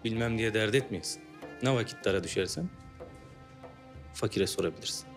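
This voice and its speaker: Young male dervish, acted, historical series: lower register, formal and courteous old-time speech. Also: a little fast, over music, close to an everyday voice. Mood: courteous, instructive. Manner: formal, old-fashioned phrasing. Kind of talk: historical drama acting.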